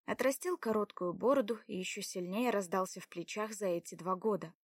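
A woman narrating a story in an even, measured reading. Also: medium pitch, breathy edge, no room sound. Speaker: audiobook narrator. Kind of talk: scripted narration.

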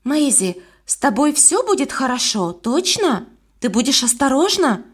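A woman's voice: high voice, big pitch swings, a little slow, slightly rough, heavily acted. A woman reading the part of a caring adult actress who coaxes and fusses over a girl. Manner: caring, coaxing. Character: kind, fussing adult actress, motherly.

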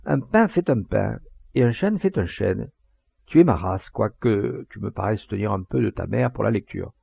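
A man voicing a jovial, hearty, fatherly middle-aged poacher who lectures in a booming, sententious way. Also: animated, normal speed, creaky, breathy edge, dry recording, highs cut off, full character voice.

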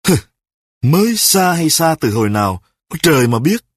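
A man playing a sick, petty husband who scolds his wife in rapid-fire accusations in a spoken story. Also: fairly high pitch, big pitch swings, dry recording, clean studio sound, pitched above the performer's own voice. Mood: grumbling. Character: sick, petty, quarrelsome husband, self-righteous.

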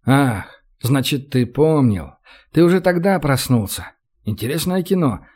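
A man's voice: mid-range voice, sing-song, a little slow, a little mellow, breathy edge. A man doing a cold, mocking tough guy. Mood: threatening. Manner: cold, taunting, threatening. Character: young man, tough, sarcastic, commanding.

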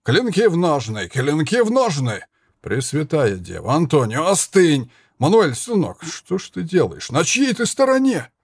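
A man's voice: a little high, wildly swooping pitch, measured pace, slightly rough, pitched above the performer's own voice, exaggerated voice. A man playing an urgent mustached old guard. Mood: urgent pleading. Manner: urgent, fatherly shouting. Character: older mustached guard, peacemaker.

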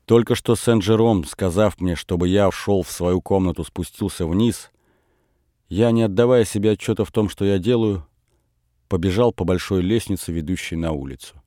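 A man narrating a literary audiobook in a measured, earnest way. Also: deep voice, mellow, dry recording, studio quality.

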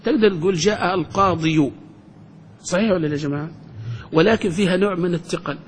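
A man, a sheikh teaching a classroom grammar lesson who keeps quizzing the class and slowly draws out his example phrases. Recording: reverberant hall with faint rumble.

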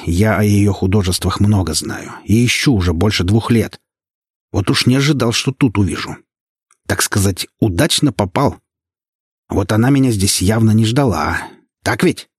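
Man playing a sly sneering detective, low husky voice, dry sound. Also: normal speed, no room sound. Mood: mocking. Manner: mocking, slangy. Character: sly sarcastic male detective, cocky.

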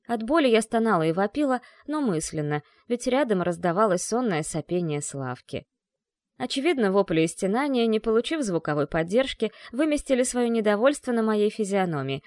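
A woman's voice: mid-range voice, a little mellow, no room sound, clean studio sound. A woman narrating a first-person audiobook in a wry, ironic manner.

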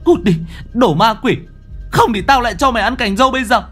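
A man voicing a frantic young village wife who shouts to drive off a ghost. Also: very high voice, brisk, breathy edge, faint music behind, pitched above the performer's own voice, full character voice.

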